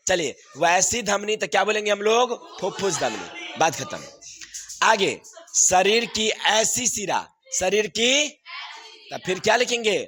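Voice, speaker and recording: A man's voice: high voice, a bit bright, a little hiss or hum. A man, teaching a class and going over exam answers, repeating questions and laughing often.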